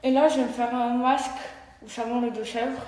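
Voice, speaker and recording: A woman's voice: on the high side, fairly even intonation, a little fast, a little mellow. A young woman vlogging casually at home into a phone, dramatic and exclaiming. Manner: dramatic, exclaiming, baby talk to her dogs. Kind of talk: casual vlog chat. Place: home, indoors. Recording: echoey room, faint noise.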